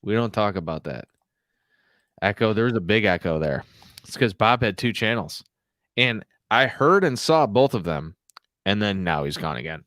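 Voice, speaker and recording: A man's voice: lowish voice, big pitch swings, normal speed, a bit bright, no room sound, clean studio sound. A man hosting a podcast livestream, chatting casually and rambling with many fillers, a bit out of breath. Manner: rambling, filler-heavy, jokey. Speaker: podcast host.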